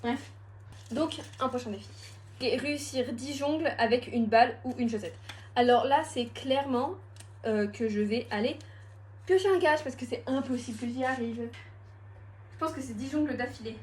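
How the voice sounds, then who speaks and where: A young woman with a high, light voice chats casually through a home challenge vlog. She mocks herself and laughs easily. A faint background hiss sits under the recording. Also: normal speed. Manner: chatty, self-mocking, bursts of laughter. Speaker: vlogger.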